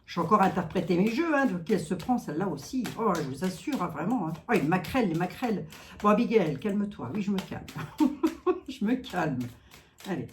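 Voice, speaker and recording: A woman's voice: mid-range voice, big pitch swings, fairly quick, slight background noise. A French-speaking woman doing a card reading, chatting casually with her viewers and filling her talk with asides. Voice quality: chatty, talks to viewers, many asides and "hein". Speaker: card reader.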